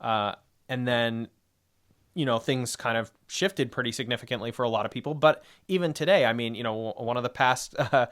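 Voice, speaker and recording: A man's voice: medium pitch, fairly quick, a bit bright. A man co-hosting a history podcast, talking through ideas in a rambling, casual way with many fillers and restarts. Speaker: podcast co-host.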